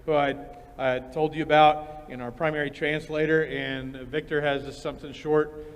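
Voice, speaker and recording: A man's voice: a little high, level tone, normal speed, clear, resonant tone. Male pastor in a reverberant hall. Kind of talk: informal address to a congregation.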